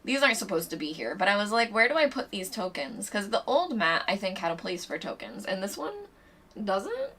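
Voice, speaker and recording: A woman chatting excitedly on a board game live stream, bubbly and rambling, a little out of breath. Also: medium pitch, fairly quick, recorded from a distance. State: a bit out of breath. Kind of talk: casual live-stream chat.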